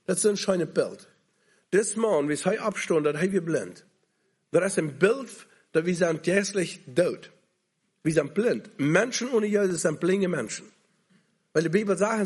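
A man's voice: sits high, slightly rough. A man preaching a sermon, earnestly pleading with listeners to come to Jesus.

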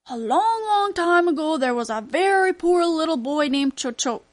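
A woman voicing a strong, kind old grandfather who tells his grandson stories, in a warm, steady storytelling manner. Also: sits high, normal speed, voice pushed up.

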